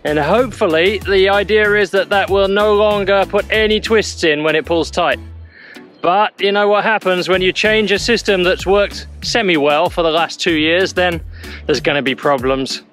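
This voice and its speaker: A man with a high voice narrates a sailing vlog in an easygoing way, explaining things with relaxed fillers. He speaks as the boat's captain. Faint music sits behind him. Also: moderate pace. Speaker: boat captain.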